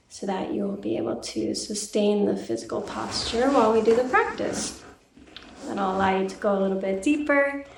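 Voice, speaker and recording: Woman meditation guide, slightly gravelly, recorded in an echoey room off the mic. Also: mid-range voice, distant mic, a little hiss or hum. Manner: slow, gentle instructions. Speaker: guest meditation teacher.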